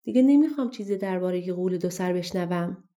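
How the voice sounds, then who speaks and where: A woman voicing a harsh, short-tempered male farmer who scolds and shouts, in a storybook reading. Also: mid-range voice, vocal fry, natural voice. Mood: angry.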